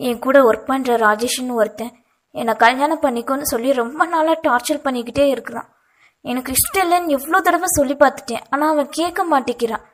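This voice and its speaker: Crying young woman, hurried and shaky, read by a woman narrator. Storybook audio novel. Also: a little high, lightly acted. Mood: tearful. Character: frightened young woman, office worker, tearful.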